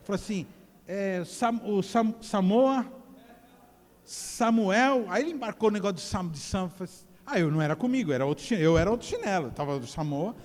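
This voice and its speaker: A man's voice: high voice, sing-song, very fast, few pauses, a little mellow. A man preaching a sermon in church, talking in a loose, joking way and often restarting his words. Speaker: pastor. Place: church hall. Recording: long echo of a church hall.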